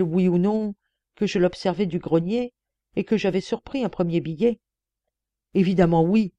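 A woman's voice: on the low side, warm tone, dry recording. A woman voicing a shrewd, earnest young male police detective in a storybook reading, persuasive and emphatic.

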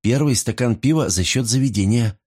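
A man's voice: medium pitch, fairly quick, a little mellow, slightly rough, lightly acted. A man voicing a young woman bartender who teases her customers in a dry way. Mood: teasing. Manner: teasing, dry.

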